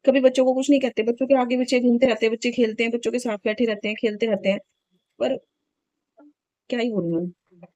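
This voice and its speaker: A woman's voice: on the high side, fairly even intonation, fast, long pauses, mellow, no echo, low-quality recording. A woman in her thirties chatting casually in a home vlog, telling a story in an indignant, talkative way. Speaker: vlogger.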